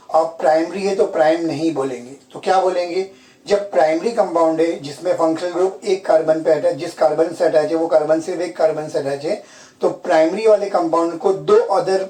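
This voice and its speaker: Male chemistry teacher, Hindi-English mix, mellow higher voice, roomy sound from a distance. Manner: asks students questions and repeats key terms. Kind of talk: classroom lecture. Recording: echoey room, from far off.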